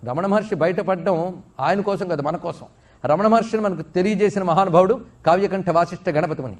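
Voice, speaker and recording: A middle-aged man giving a religious discourse, explaining through questions he answers himself and slowly chanting Sanskrit verses. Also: high voice. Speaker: spiritual discourse speaker.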